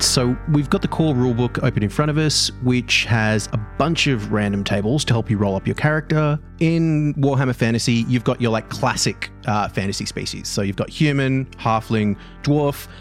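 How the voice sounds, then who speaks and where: A man's voice: mid-range voice, normal speed, faint music behind. A man as game master, explaining rules in casual, filler-heavy chat.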